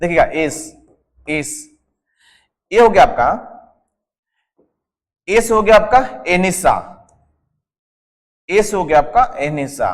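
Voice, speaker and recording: A man with a high, expressive voice and a Jharkhand Hindi accent speaks slowly, pausing often, in a large hall. He is giving an exam-prep lesson on a whiteboard with a mnemonic, quizzing the class by posing answers as questions and repeating every term over and over. "Sir" comes up constantly as he addresses the students respectfully.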